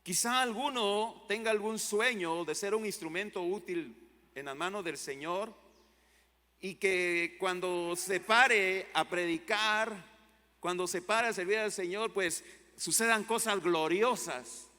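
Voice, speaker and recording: A male pastor preaching a sermon, with fervent rises to loud exclamations and drops to low, quiet lines. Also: slow pace. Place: church hall. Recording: long church hall reverb.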